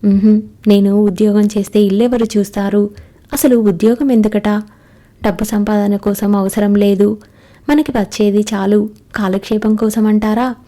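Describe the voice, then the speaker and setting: Soft young wife in a telugu storybook, read by a woman, mellow flat even voice, a bit teasing. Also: mid-range voice, moderate pace, natural voice. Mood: tender. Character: Radha, devoted young wife, gentle and homely.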